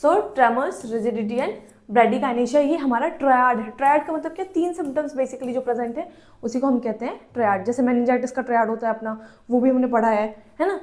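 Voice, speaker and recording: A woman's voice: a little high, normal speed, darkish tone. A woman giving a nursing exam-prep lecture, asking questions and answering them herself, repeating key terms.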